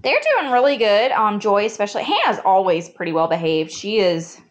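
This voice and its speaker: In this clip a vlogging mom chats to the camera as she cooks at home, her asides interrupted by words to the kids and dogs. She speaks at medium pitch and a little fast. The sound is lo-fi, with slight background noise and music behind her.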